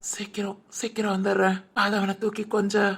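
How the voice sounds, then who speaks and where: A woman voicing a husband recovering in a hospital bed in a cartoon family drama, speaking quietly and wearily. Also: mid-range voice, monotone, fairly quick, husky. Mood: weary.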